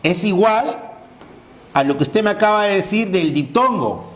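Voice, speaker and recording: A man's voice: high-pitched, lively intonation, normal speed, fairly bright tone. A man voicing a curious student. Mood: questioning. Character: curious student asking the teacher.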